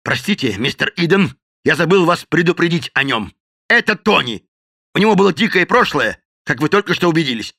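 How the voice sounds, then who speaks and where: Guy doing a gruff bossy rancher, snappy and impatient, raised pitch, forceful. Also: lively intonation, a little fast, exaggerated voice. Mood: brusque. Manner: barking, impatient.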